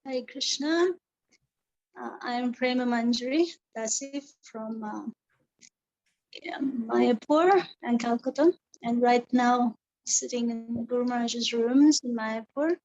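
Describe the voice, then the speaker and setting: A woman committee member introducing herself in a video meeting in a heartfelt, gentle way. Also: on the high side, takes it slowly, lo-fi sound. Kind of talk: self-introduction on a video call. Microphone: video call.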